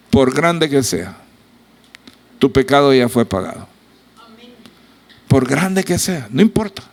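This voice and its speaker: A man with a Salvadoran accent preaches a sermon in a high, gravelly voice. He takes his time, lingering on words, and swings from quiet, intimate asides to loud, emphatic lines as he acts out the voices of biblical figures. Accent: Salvadoran Spanish. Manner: preaching with wide swings in loudness and pitch, acting out biblical voices. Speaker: pastor.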